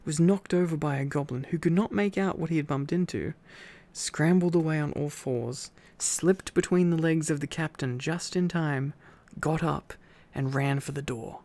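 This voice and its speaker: A sleepy man does an intimate ASMR boyfriend-style reading, tired and affectionate, tossing playful asides to his listener. His voice is on the high side, creaky and darkish in tone.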